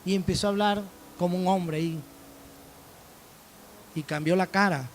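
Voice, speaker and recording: A man's voice: high-pitched, fairly even intonation, fairly quick, soft background music. A man preaching a sermon as pastor, telling stories and acting out dialogue. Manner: storytelling preacher, quoting dialogue.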